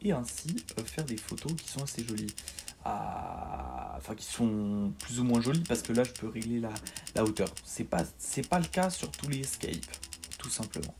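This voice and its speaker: A man's voice: medium pitch, background noise. A man giving a casual, hesitant voice-over tutorial for a video game, with many fillers and repeated words. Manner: self-deprecating. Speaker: gaming tutorial host.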